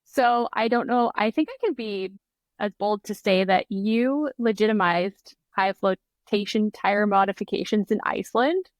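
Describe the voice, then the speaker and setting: A woman's voice: medium pitch, unhurried, dry recording. A woman hosting a podcast, reading an intro and interviewing a guest with upbeat enthusiasm. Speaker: podcast host. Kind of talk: scripted intro, then casual interview.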